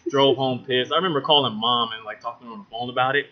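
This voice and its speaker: A young man telling a story in casual podcast chat, animated and full of crude slang. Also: mid-range voice, very fast. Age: young adult. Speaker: podcast co-host. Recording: dull lo-fi podcast audio.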